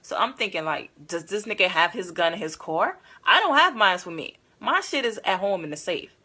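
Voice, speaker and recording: A woman vlogger casually telling a dating story to her viewers, candid, animated and full of profanity. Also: medium pitch, moderate pace, husky.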